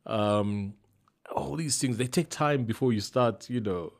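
A man's voice: medium pitch, unhurried, creaky. A man from Zambia, a voice-over artist, telling stories casually in an interview and laughing often. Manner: relaxed storytelling, laughs often, many restarts.

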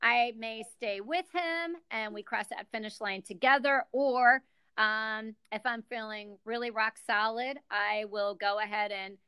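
Bright, crisp-voiced American woman guest. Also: medium pitch, dry recording. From United States. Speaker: guest, executive director. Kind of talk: podcast interview.

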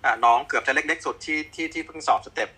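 A man's voice: mid-range voice, fast, pushed and bright, breathy edge, poor audio. A man doctor from Thailand on an online panel, speaking step by step with many fillers.

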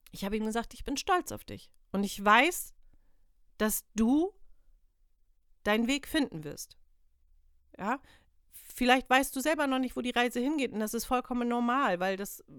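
A woman's voice: fairly high pitch, a bit bright, clean tone, no echo, clean studio sound. A woman hosting a motivational podcast, talking earnestly in a coaching manner and asking her listener many rhetorical questions. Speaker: podcast host, self-employed team leader. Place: lives in northern Germany.

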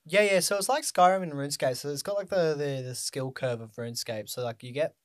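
A man's voice: fairly high pitch, a little fast, dry recording, studio quality. A man co-hosting a casual chat, eager and chatty, swearing now and then.

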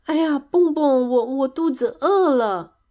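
A woman's voice: sits high, lively intonation, unhurried, mellow, voice pushed up. A woman doing a clumsy, stubborn young critter. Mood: eager.

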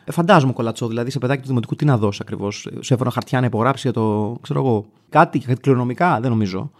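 A man in his thirties from Greece, hosting a show and telling an everyday story in a wry, animated way, acting out the other people's lines. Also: medium pitch. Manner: wry, animated, acts out dialogue in a raised voice. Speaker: radio show host. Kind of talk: casual storytelling monologue.

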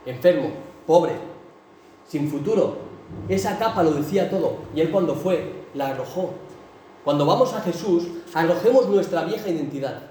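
A man's voice: on the high side, darkish tone, a little hiss or hum. A man preaching a sermon with impassioned, emphatic delivery. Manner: impassioned, rising to emphatic bursts. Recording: echoey hall, mic from a distance.

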